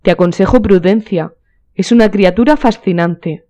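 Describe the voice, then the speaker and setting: A woman's voice: mid-range voice, moderate pace, warm tone, natural voice. A woman voicing a witty, cynical male aristocrat in a storybook reading, delivering polished epigrams with a lecturing manner. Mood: worldly, cynical.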